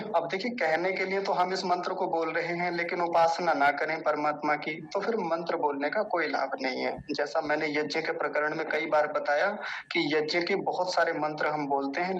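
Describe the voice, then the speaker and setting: A man teaching the meaning and pronunciation of a Vedic mantra, explaining patiently and drawing out syllables slowly to demonstrate. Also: fairly high pitch, a bit bright, highs cut off, a little hiss or hum. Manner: slow deliberate syllable-by-syllable pronunciation drills; patient explanatory tone with rhetorical questions. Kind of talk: spoken lesson on scripture.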